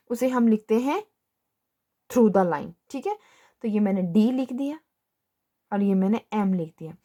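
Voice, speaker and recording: A slightly high, slightly mellow female voice guides students through shorthand one step after another. The young teacher is patient, asks herself questions and answers them, and keeps saying "ठीक है".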